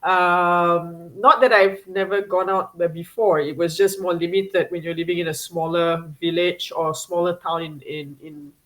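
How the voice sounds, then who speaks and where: A woman's voice: fairly low pitch, fairly even intonation, measured pace, hardly any pauses, fairly bright tone, low-quality recording. A woman from Singapore, a guest chatting casually in an interview, with many fillers, restarts and laughs.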